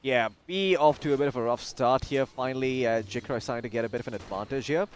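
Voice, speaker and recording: A man's voice: mid-range voice, fast talker, clean tone. A man casting a live esports match, chatty and jokey, with self-deprecating asides. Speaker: esports caster. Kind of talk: live game commentary.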